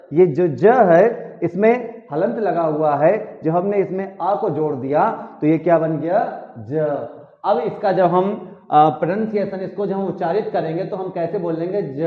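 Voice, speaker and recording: A high-pitched man teaching a children's lesson, asking a question and then answering it himself. His voice is thin and phone-like, and it rings in an echoey room. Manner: repeats and quizzes the listener with questions. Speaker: Hindi teacher.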